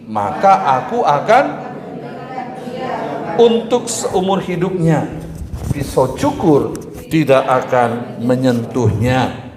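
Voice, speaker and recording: A middle-aged male pastor preaching a sermon in a conversational way, with emphatic bursts and calls to the congregation. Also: mid-range voice. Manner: conversational preaching with rising emphatic bursts and audience call-and-response. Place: church hall. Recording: roomy echoing church hall.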